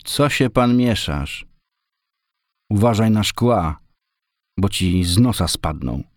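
A man's voice: mid-range voice, very animated, a little slow, a bit bright, breathy edge, dry recording, clean studio sound, pitched above the performer's own voice, full character voice. Man doing a taunting young street thug. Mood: irritable taunting. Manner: irritable, taunting. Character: tall skinny crew-cut young thug, irritable.

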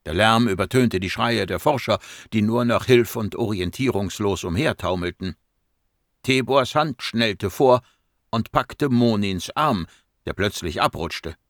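A man narrating an audiobook in a measured storytelling voice that slows for dramatic moments. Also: lowish voice, animated, dry recording, clean studio sound. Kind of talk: scripted narration.

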